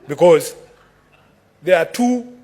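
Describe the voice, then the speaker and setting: Speaking as an opposition senator in a formal parliamentary debate, a Kenyan man with a high-pitched, dark-toned voice delivers a combative, declamatory speech built on repeated formal addresses to the chair. His intonation is lively and his pace slow.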